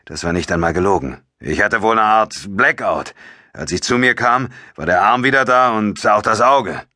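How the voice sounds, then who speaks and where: A man's voice: fairly low pitch, normal speed, sharp tone, dry recording, clean studio sound, pitched above the performer's own voice. A male narrator voicing a mocking, cynical male soldier who taunts and argues in an audiobook. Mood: heated. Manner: sarcastic, taunting.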